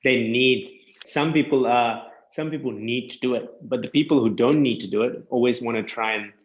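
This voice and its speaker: A man who works as a land surveyor, chatting casually and explaining things step by step with quick self-corrections. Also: medium pitch, echoey room, highs cut off. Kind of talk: casual podcast chat.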